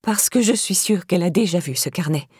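A woman's voice: on the low side, animated, fairly quick, darkish tone, husky, dry recording, clean studio sound. A woman voicing a timid, prim older woman who speaks in a pinched, frightened tone. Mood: pinched, wary. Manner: clipped, pinched tone.

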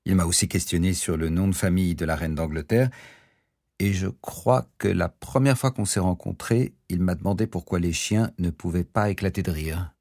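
A man reading an audiobook voices a male doctor who explains things in a calm, wry way. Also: deep voice, normal speed, dry recording, clean studio sound. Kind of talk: audiobook character voice.

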